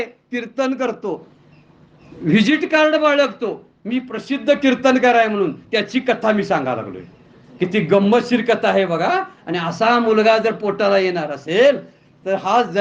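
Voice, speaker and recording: High-voiced preacher. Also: male voice, unhurried. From Maharashtra, India. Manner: storytelling, animated, acts out quoted voices. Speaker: Bhagavata katha preacher. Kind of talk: Marathi devotional discourse with anecdotes. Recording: dull lo-fi sound.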